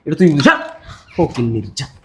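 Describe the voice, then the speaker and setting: Actor as callous young man, quick sneering delivery, mid pitch. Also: lively intonation, fairly bright tone, slight background noise, lightly acted. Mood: contemptuous. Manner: sneering, dismissive. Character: callous young male lover, contemptuous.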